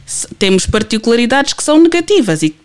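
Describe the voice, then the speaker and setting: Smooth-voiced podcast guest. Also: medium pitch, fast talker, soft background music. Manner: animated storytelling, many fillers. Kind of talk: casual podcast chat.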